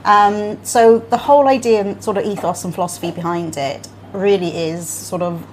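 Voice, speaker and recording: A woman's voice: medium pitch, fairly even intonation, normal speed, a little mellow. Middle-aged woman explaining, faint room noise. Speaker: interview guest, small business owner. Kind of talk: informal explanatory interview answers. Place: indoors in a converted bunker.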